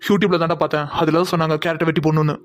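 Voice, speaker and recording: A man's voice: a little high, little pitch movement, very fast, close to an everyday voice. A man doing whiny bantering cartoon young men. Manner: joking, whiny complaints.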